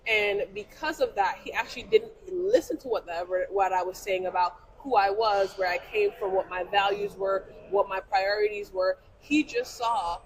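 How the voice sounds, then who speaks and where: Jamaica-born woman, business owner on a panel, mid-pitched, lively anecdotes, filler-heavy delivery, faint background hum. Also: normal speed, few pauses, low-quality recording. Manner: animated storyteller, heavy use of "like". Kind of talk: casual panel conversation. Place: trade show event.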